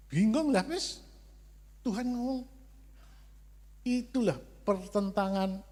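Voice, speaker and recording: A man with a Javanese accent preaching a sermon, telling stories in a lively way and acting out God's short replies. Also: sits high. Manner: lively storytelling, playacting God's curt replies. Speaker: pastor. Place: church hall. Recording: long church hall reverb.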